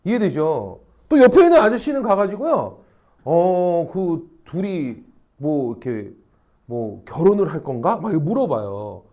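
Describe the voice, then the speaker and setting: A man teaching a high school social studies class, animated, constantly checking understanding with rhetorical questions and acting out quoted reactions with crude slang. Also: unhurried. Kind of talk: lecture to high school students.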